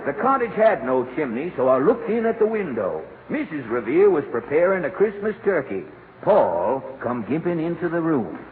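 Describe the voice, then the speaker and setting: An old, long-suffering Santa from a 1940s radio comedy. The voice sits fairly high and moves around a lot, with folksy, plaintive storytelling. The recording is narrow and noisy. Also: male voice, big pitch swings, normal speed. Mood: aggrieved. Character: aggrieved old Santa Claus telling his woes.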